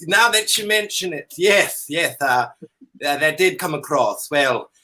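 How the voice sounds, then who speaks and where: A man's voice: fairly high pitch, lively intonation, measured pace, bright, forceful tone. A man playing a flamboyant, centuries-old dandy as an interview guest, theatrical and calling everyone darling. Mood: grand. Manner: theatrical, plummy, calls people darling. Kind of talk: in-character comedic interview.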